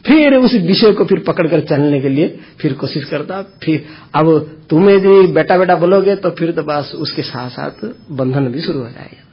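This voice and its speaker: A man with a slightly high, husky voice gives an informal spiritual talk. He explains step by step with household examples and responds to listeners as he goes. The recording sounds dull and lo-fi. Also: expressive. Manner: explains slowly with homely examples, answers listeners. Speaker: spiritual teacher.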